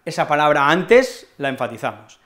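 High-voiced, playful Spanish teacher from Spain. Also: male voice, big pitch swings, moderate pace, a bit bright. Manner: chatty, playful, many tag questions. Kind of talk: online Spanish lesson.

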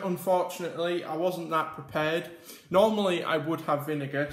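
A man's voice: fairly high pitch, fairly bright tone, echoey room, slight background noise. A man hosting a casual mukbang vlog, chatting and rambling with many ums as he eats at a table. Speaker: YouTube host. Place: indoor room at a table. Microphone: camera mic with face cam and top camera.

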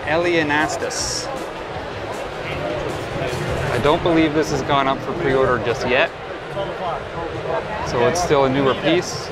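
A man giving an informal, off-the-cuff booth tour commentary from a convention hall, casually offering mild opinions as he goes. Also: on the high side. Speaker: collectibles video host. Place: convention hall show floor, indoors. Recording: loud music behind, busy convention hall. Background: loud music in a convention hall.

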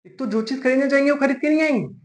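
Brief: male comic monologue performer, exasperated ranting delivery, bright high voice, echoey room. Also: racing. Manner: exasperated ranting, mixes English phrases in. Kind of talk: scripted comic rant monologue.

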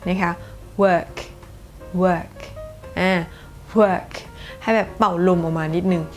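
A woman's voice: fairly low pitch, fast, a little mellow, soft background music. A woman teaching English pronunciation in a casual lesson, repeating each word several times and switching between English and Thai explanations.

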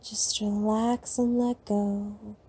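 Sleep meditation guide: woman, very slow and breathy, soft and soothing. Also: mid-range voice, flat delivery.

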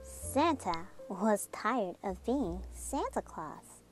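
Reading a children's picture book aloud for her channel, the woman speaks very slowly at a medium pitch, her voice swinging widely up and down. Music runs behind her expressive storytelling.

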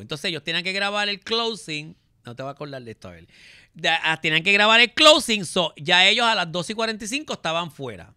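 A man's voice: high voice, clean tone, dry recording. A Puerto Rican man hosting a podcast in a studio, telling stories in a theatrical way and referring to himself in the feminine. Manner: animated and theatrical, speaks of self in the feminine, acts out quotes. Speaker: podcast host. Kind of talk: casual chat, storytelling.

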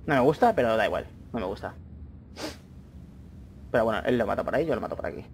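Animated young gamer, lively pitch. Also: male voice, fast talker. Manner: chatty, swings between excited outbursts and muttered asides. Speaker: gaming YouTuber. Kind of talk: live gameplay commentary. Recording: faint noise, mouse and keyboard clicks.

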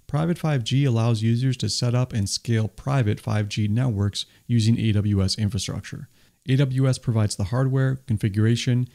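With a warm, medium-pitched voice, the male host narrates a scripted summary for a tech video, sounding eager and explanatory. It's voice-over, not captured on the stage on screen.

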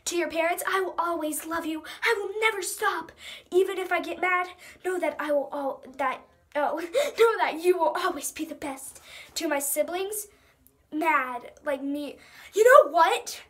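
High-pitched ten-year-old girl chatting casually. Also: a little slow, fairly bright tone. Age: child, ten years old. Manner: giggly, self-mocking, dramatic. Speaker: young vlogger. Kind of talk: casual chat, reading aloud from old diary. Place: small room at home, indoors.

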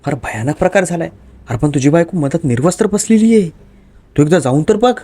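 A man voicing a hotel owner who calmly scolds and reassures his frightened worker in a told horror story. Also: a little high, a little fast, voice pushed up. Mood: reassuring.

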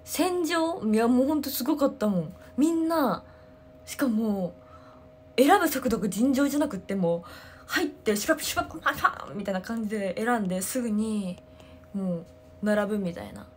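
A woman, chatting casually on a livestream, telling stories excitedly with sound words. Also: on the high side, fairly quick, slightly rough. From Ehime, Japan. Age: 20s. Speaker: idol livestreamer. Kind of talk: casual livestream chat answering comments.

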